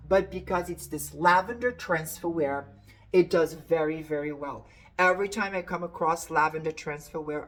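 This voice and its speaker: A middle-aged woman chatting to camera about an antiques haul, repeating words for emphasis. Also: lowish voice. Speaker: antiques reseller showing a haul. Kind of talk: casual chat to camera.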